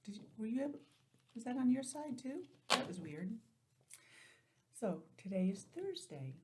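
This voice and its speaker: Her voice is on the high side, very animated and at normal speed. Speaking into a laptop at home, this early-years teacher leads young children through an interactive calendar lesson on a video call, full of questions and chatty side remarks.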